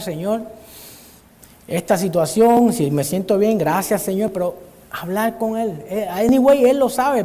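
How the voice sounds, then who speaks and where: The preacher here is a man whose voice sits high and sounds mellow, earnestly leading a Bible study sermon in a church hall. Brother is a word he uses often for his listeners, and the recording has a long church-hall reverb.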